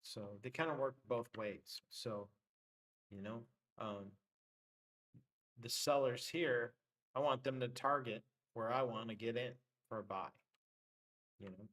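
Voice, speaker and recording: A man's voice: mid-range voice, a little slow, pauses often, a bit bright, low-quality recording. Man thinking aloud, voice getting worn. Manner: loose, thinking aloud with many fillers. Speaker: trading livestream host. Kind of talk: casual live trading commentary.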